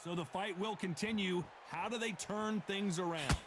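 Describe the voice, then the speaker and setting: A man playing an energetic boxing play-by-play announcer who calls the action with punchy, excitable lines. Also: high voice, moderate pace, noisy background, natural voice. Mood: calling action. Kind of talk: sports commentary.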